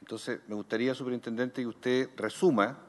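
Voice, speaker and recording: Chilean male chair, formal and brisk, reverberant chamber. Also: medium pitch, fairly even intonation. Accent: Chilean Spanish. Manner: detailed questioning, brisk. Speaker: committee chair. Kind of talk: formal committee proceedings. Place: senate committee room. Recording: long reverb in a hall.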